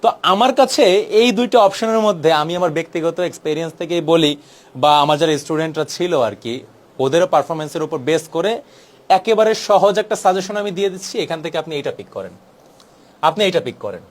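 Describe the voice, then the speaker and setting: Young male tutor, high and quick, brisk and persuasive, exam-prep lesson. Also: lively intonation. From Bangladesh. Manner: brisk, persuasive, mixes English words into Bangla.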